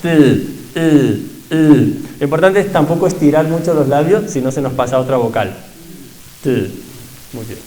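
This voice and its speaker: A man leading a pronunciation workshop, patiently explaining sounds and repeating them slowly for his class. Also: on the high side, animated, a little mellow, rough recording. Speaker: language teacher.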